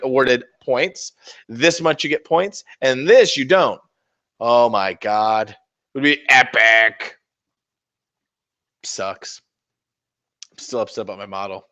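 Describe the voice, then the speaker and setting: A man's voice: medium pitch, a bit bright, highs cut off. A man livestreaming while he paints miniatures, rambling in casual, profane, teasing banter aimed at his viewers. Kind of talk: casual chat.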